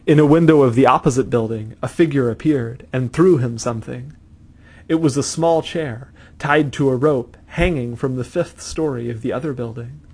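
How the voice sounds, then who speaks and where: A man's voice: mid-range voice, darkish tone. Man narrating a story steadily.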